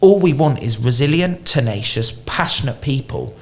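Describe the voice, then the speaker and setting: A man's voice: medium pitch, normal speed. A man, a guest on a business podcast, chatting casually and acting out quotes as he tells stories. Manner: animated storyteller, acting out quotes. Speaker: franchise company expert guest.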